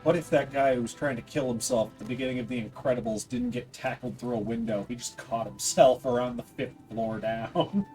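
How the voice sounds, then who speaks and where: A man's voice: medium pitch, brisk, hardly any pauses, darkish tone, distant mic. A man hosting a game stream, joking, rambling and swearing casually. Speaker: stream host. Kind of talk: casual gaming commentary. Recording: stream mic with faint game music.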